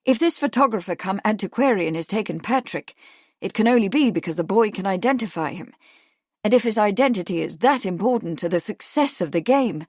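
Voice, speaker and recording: A woman narrator voicing a grim, steady Victorian gentleman who speaks calmly and gravely. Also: mid-range voice, fairly quick, no echo, clean studio sound, natural voice. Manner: calm, grave.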